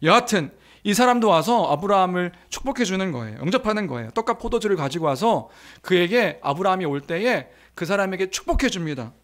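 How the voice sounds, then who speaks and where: High-voiced man preaching a sermon. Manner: asks the congregation questions, acts out quoted blessings with rising force. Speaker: pastor.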